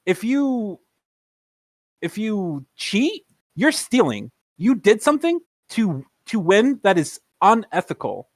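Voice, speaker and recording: A man's voice: high voice, no room sound. A man co-hosting a podcast, talking earnestly in casual discussion and repeating words as he builds his point. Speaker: podcast co-host.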